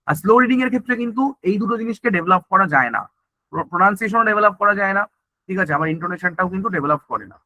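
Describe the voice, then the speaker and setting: Guy teacher doing an exam prep lecture, talks really fast and high, dry close sound. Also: bright, forceful tone, no echo, rough recording. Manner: mixes English terms into Bengali, repeats "ঠিক আছে?" often; asks and answers his own questions.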